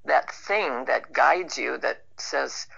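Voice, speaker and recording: A woman who is an actor and writer chats casually and reflectively as an interview guest, informal and plain-spoken. Her bass voice is slow and husky, with vocal fry and a fairly bright tone. The sound is dull, lo-fi online-call audio.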